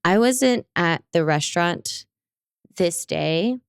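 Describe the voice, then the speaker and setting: A young woman co-hosting a podcast, telling restaurant stories in a lively, animated way and acting out the people she quotes. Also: lowish voice, takes it slowly, creaky, smooth, dry recording, studio quality. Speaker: podcast co-host. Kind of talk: casual chat.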